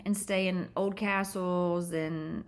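A woman with a Southern US accent hosting a casual podcast interview, playful and animated as she asks questions. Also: fairly low pitch, slow pace.

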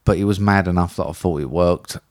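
A man's voice: sits low, fairly quick. A man co-hosting a casual film podcast, blunt and enthusiastic, swearing casually as he talks. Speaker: podcast co-host.

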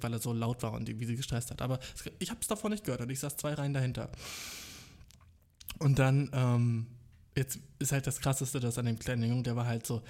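A man's voice: mid-range voice, darkish tone. A young man telling a rambling, casual story alone indoors, full of fillers and English slang.

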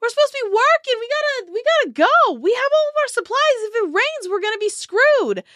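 A woman voicing an impatient female dwarf cart driver, high-pitched and loud. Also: very animated, a little fast, no room sound, studio quality, exaggerated voice.

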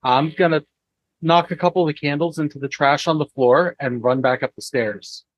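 A man's voice: on the high side, moderate pace. A man playing a tabletop game, casually narrating and voicing what his character does. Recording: dull, slightly roomy sound.

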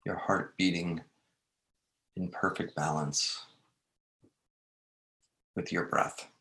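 A man leading a guided meditation, speaking gently in short phrases with long unhurried pauses. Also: low-pitched, fairly even intonation.

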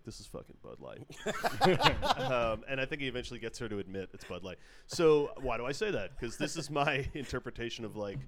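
A man's voice: medium pitch, a bit bright. A man hosting a casual podcast chat, joking, rambling and laughing often. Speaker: podcast host.

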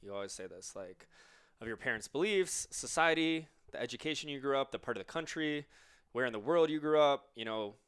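A man's voice: medium pitch, lively intonation, a little fast, fairly bright tone, clear, resonant tone. A man co-hosting a podcast, talking casually and giving reflective, coaching-style advice. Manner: reflective, coaching tone, asks listeners questions. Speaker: podcast co-host.

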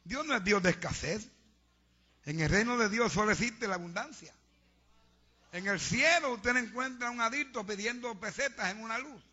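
Fervent high-voiced preacher, lo-fi. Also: male voice, lively intonation, normal speed, sharp tone, husky. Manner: fervent, exhorting, preaching to a congregation. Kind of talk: sermon. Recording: dull lo-fi sound.

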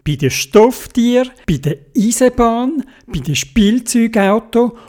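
A woman with a Swiss German accent telling a children's story, gentle, sing-song and playful. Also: fairly high pitch, animated, slow.

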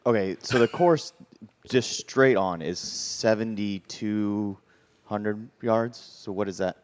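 A man's voice: fairly low pitch, slow, slight background noise. A man co-hosting a casual podcast chat, defensive and swearing a lot. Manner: defensive, profane. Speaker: podcast co-host.

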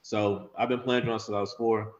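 A man's voice: on the low side, level tone, normal speed. A man in his thirties from eastern North Carolina, a guest talking in a confident, easygoing, joking way. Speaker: interview guest. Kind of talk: casual interview chat. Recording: roomy, dull lo-fi audio.

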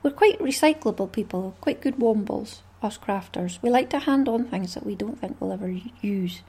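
A woman's voice: medium pitch, animated, moderate pace, warm tone, breathy edge. A Scottish woman hosting a craft podcast, talking in a chatty, rambling way with small laughs. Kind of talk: casual solo podcast chat.

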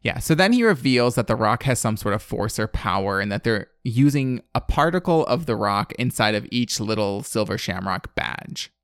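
A man's voice: lowish voice, lively intonation, moderate pace, few pauses, fairly bright tone, smooth, no echo, clean studio sound. A man in his thirties hosting a podcast, recapping a film in casual chat, blunt and sarcastic, with plenty of fillers. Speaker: podcast host.

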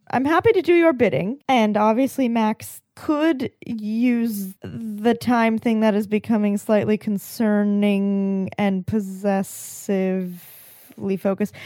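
A woman's voice: mid-range voice, warm tone, no echo, clean studio sound. A woman playing a tabletop game, chatting in a wry, enthusiastic way. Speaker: player. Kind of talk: casual tabletop play.

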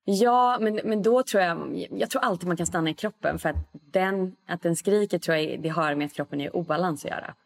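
A woman guest on a podcast, talking casually and reflectively, thinking aloud with pauses. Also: fairly low pitch, gravelly.

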